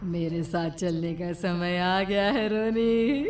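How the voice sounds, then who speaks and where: A woman's voice: on the low side, steady tone, slow pace, background noise. A woman voicing a menacing old hag witch who preys on children, drawing out her threats in a children's story. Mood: sinister glee. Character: menacing cackling banana-selling witch, female, 55, preying on children. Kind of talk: acted villain in an animated children's story.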